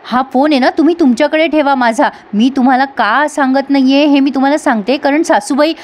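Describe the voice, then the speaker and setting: Lady playing a sweet young daughter-in-law, earnest and pleading, high voice. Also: a little fast, natural voice. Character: devoted young daughter-in-law, self-sacrificing.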